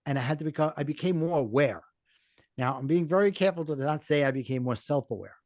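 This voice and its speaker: A middle-aged man speaks in a Brooklyn accent with a fairly high-pitched voice. He sounds earnest and explanatory, like a coach talking in an interview, and the sound is dry and close. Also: fast, a little mellow, dry recording. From Brooklyn, New York. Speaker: podcast guest, life coach and author. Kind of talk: conversational interview, personal storytelling.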